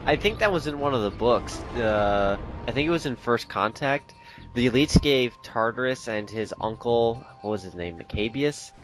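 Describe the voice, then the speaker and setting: A man's voice: mid-range voice, lively intonation, normal speed, faint music behind. A man casually commenting on a video game with a friend, playful and joking. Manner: chatty, playful, joking asides. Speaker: let's play commentator.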